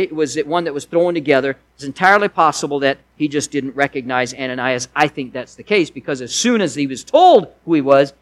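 A man delivers a sermon in a relaxed teaching manner. His voice sits high, and he talks it through with frequent restarts and asides. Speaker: preacher.

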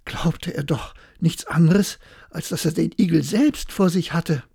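A storyteller reading a bedtime fairy tale in a lively, expressive way, with a gravelly, very husky voice. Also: medium pitch, a little slow, dry recording, clean studio sound.

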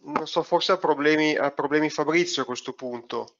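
A man's voice: a little high, moderate pace, a bit bright. A man joining an online seminar over a remote call link, checking that he can be heard and then introducing himself as moderator. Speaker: conference moderator. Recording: distant, dull lo-fi call audio.

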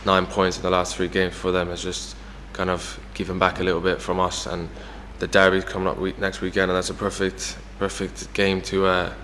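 A man's voice: deep voice, monotone, a little fast, hardly any pauses, a bit bright, big-room sound, a little hiss or hum. A young Irish man talking casually as the guest in an interview, full of fillers like "you know". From Ireland. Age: young adult. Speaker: footballer guest.

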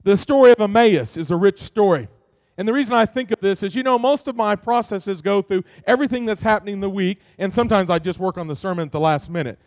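A man's voice: sits high, fast talker, darkish tone, no echo, clean studio sound. A middle-aged male pastor preaching a sermon, earnest and folksy, asking many rhetorical questions and telling family stories.

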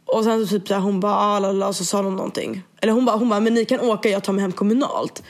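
A young woman with a speech impediment, casually retelling an event and acting out what everyone said. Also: medium pitch. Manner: animated, quotes others with "jag bara", swears freely. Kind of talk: casual storytelling chat.

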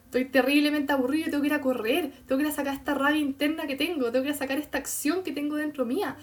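A woman voicing an angry, restless personified Aries moon in a low, grumbling way. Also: fairly even intonation, rapid-fire, far from the mic, natural voice. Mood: frustrated.

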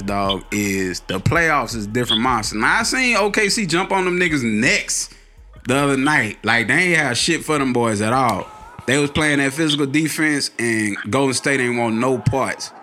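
An American man arguing in a hyped-up, animated way in a casual basketball debate. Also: medium pitch, moderate pace. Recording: music playing under the talk.

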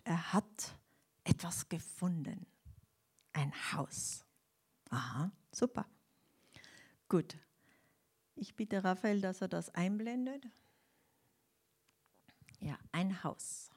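Older woman, middle pitch, emotional personal testimony, acts out dialogue. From Austria. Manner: animated storytelling, acts out dialogue. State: emotionally shaken. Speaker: speaker giving a faith testimony.

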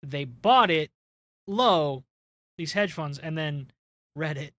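Bright-voiced man explaining casually. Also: a little high, animated, slow pace, dry recording.

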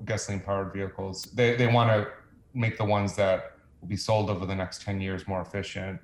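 Male guest reporter, hesitant interview talk, roomy echo, slight noise. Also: low voice. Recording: echoey room with faint noise.

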